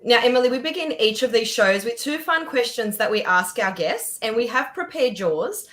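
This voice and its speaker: A woman's voice: on the high side, expressive, moderate pace, fairly bright tone. A woman co-hosting a podcast interview, cheerful and encouraging toward her guest. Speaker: podcast co-host.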